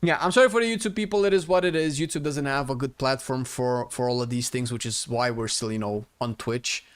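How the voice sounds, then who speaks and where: A man's voice: mid-range voice, fairly quick, smooth. A man chatting informally on a live game stream, talking to viewers with the odd swear word. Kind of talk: casual live-stream chat while gaming. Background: faint game music.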